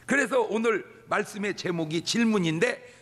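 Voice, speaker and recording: A man preaching a sermon in a church, animated and leading the congregation in call-and-response. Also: sits high, normal speed, long reverb tail. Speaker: pastor. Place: church sanctuary.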